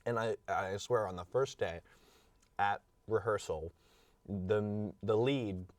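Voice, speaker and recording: A young man sits in as a guest on a casual show and talks in an easy, rambling way, with frequent laughs and restarts. His voice sits a bit low. His tone stays relaxed and friendly. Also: slow pace, no room sound, distant mic. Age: young adult. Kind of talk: casual interview.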